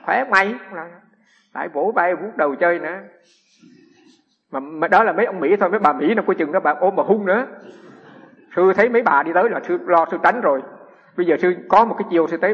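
A man, a Buddhist monk giving a humorous storytelling sermon with lively anecdotes and frequent restarts. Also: sits high, breathy edge. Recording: echoey hall, dull lo-fi sound.

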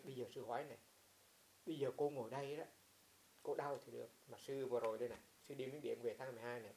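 A male monk speaks with a Huế accent in an informal dharma talk. His voice has a creaky, gravelly edge at a middle pitch. He tells stories and keeps checking whether his listeners follow him. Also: a little hiss or hum. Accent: Huế Vietnamese. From Huế, central Vietnam. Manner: animated storytelling, frequent rhetorical questions. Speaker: Buddhist monk teaching meditation.

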